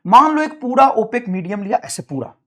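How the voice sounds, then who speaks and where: Man, physics teacher, classroom lecture, very animated pitch, dictates slowly. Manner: explains step by step, slows to dictate phrases in English. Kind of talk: classroom lecture with student questions.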